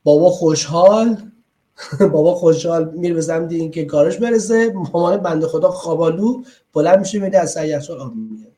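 Mellow-voiced man teaching an online class. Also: fairly high pitch. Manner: explanatory, conversational, checks in with listeners. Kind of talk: online lecture.

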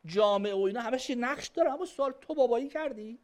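A woman giving a lively religious lecture on family and parenting to a live audience. She speaks conversationally and answers questions from the audience. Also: fairly high pitch. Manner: emphatic, conversational, acting out quoted voices.

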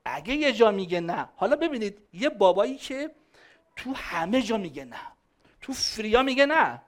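A woman giving a lively religious lecture on family and parenting to a live audience. She speaks conversationally and answers questions from the audience. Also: mid-range voice. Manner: emphatic, conversational, acting out quoted voices.

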